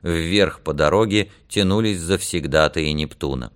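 A man reading an audiobook in a measured, even narration. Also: low voice, smooth.

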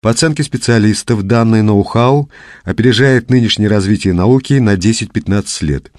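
A man's voice: lowish voice, normal speed, a little mellow, no room sound, studio quality, pitched above the performer's own voice, natural voice. A man voicing a female TV news anchor in an audiobook, reading a bulletin in a formal, upbeat way.

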